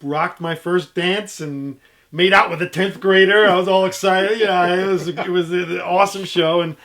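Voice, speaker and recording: A man's voice: high voice, steady tone, moderate pace, fairly bright tone. A middle-aged man chatting casually as an interview guest, telling stories in a jokey, self-deprecating way. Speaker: interview guest, DJ and music history video maker.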